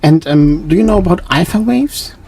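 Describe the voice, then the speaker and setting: A man with a German accent hosting a radio interview, asking halting questions with many fillers. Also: high-pitched, expressive, crowd noise. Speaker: radio host.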